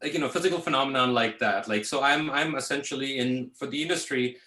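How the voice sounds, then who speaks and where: A man's voice: medium pitch, fast talker, echoey room. A man in his thirties from Pakistan, a visual effects artist speaking casually as a guest in an interview, with many "uh"s and "you know"s. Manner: relaxed, full of fillers like "uh" and "you know".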